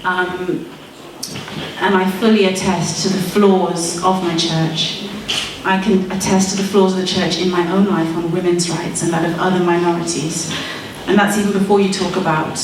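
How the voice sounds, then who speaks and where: A woman in her thirties, from Malawi and raised in Zimbabwe, delivers an earnest, persuasive debate speech with wry asides. Her voice sits on the low side, level in tone, at a moderate pace. She's far from the mic in a very echoey hall with background noise.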